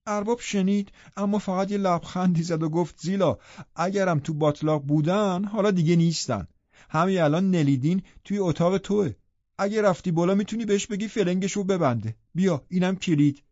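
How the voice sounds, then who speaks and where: A gossipy village housekeeper woman chatters away in a raised, high voice, as a male narrator puts her on. The tone stays dark and mellow under the pitch, recorded dry and slightly dull in this storybook reading. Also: dry recording, natural voice. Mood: chatty.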